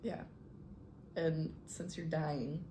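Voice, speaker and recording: A woman's voice: deep voice, fairly even intonation, very slow, mellow, a little hiss or hum. A young woman with an Iowa accent, teasing and giggling in a casual chat with a bandmate. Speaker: college band member.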